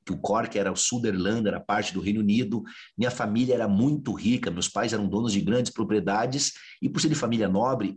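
Fast-talking man telling a story. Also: medium pitch. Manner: animated storyteller acting out dialogue. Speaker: researcher. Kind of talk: interview storytelling.

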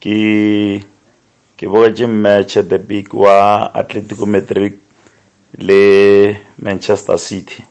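A man with a South African Sotho accent giving casual football opinions as a radio caller, deliberate and pausing between phrases. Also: on the low side, completely flat delivery, a little mellow, clean tone, highs cut off. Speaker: radio sports show caller.

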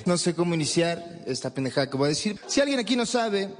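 A male comedian speaks in a fairly high voice, casual and hesitant. There is clear noisy ambience around him. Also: very animated, fast talker. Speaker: comedian guest. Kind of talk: casual live talk to an audience.

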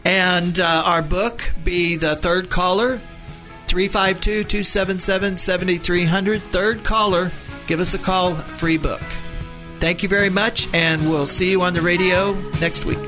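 A man co-hosting a radio travel show, chatting casually and rambling a little, clearing his throat now and then. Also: sits high, fairly even intonation, measured pace, bright, forceful tone, soft background music.

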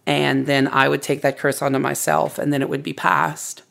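Gravelly storyteller chatting about folklore. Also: medium pitch, flat delivery, moderate pace, a bit bright. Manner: reflective, explanatory. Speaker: storyteller and author interviewed as a guest. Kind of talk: casual conversational storytelling.

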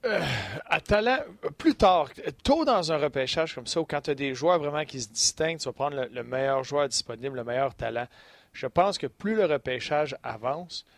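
A man's voice: a little high, dry recording. A man, co-hosting and explaining hockey draft strategy, with a teasing streak. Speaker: co-host and analyst.

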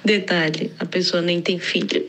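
A woman's voice: on the low side, steady tone, a little slow, very noisy. A woman telling an embarrassing personal story in a casual audio message, laughing now and then. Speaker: listener sending an audio story.

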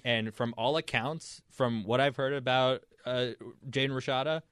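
A man hosting a casual sports show, smoothly steering the talk to his co-hosts. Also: medium pitch, normal speed, a bit bright, no echo.

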